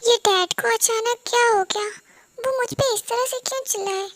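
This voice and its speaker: A woman's voice: very high voice, normal speed, bright, forceful tone, slight background noise, full character voice. A woman voicing an anxious, sensitive young son who pleads and frets in a fan-dub audio drama. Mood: worried. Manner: pleading, worried, fretful questioning.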